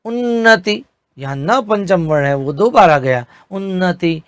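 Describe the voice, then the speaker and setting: A man's voice: on the high side, expressive, dry recording. A man teaching a Hindi grammar lesson, drawing out each example word with careful enunciation. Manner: drawn-out enunciation of example words. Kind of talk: slow, deliberate grammar lesson with spoken examples.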